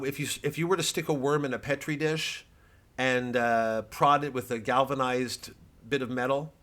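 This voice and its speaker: Speaking straight to camera to promote his show, a man chats casually but nervously, rambling, mocking himself and restarting often. His voice is a little high with a sharp tone.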